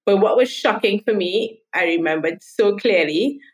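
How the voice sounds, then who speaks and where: On a low-quality recording, a Trinidadian woman in her thirties speaks at medium pitch and a moderate pace, her voice edged with breath. She's a marketing consultant appearing as a guest on a podcast interview, chatting away and telling stories from her work.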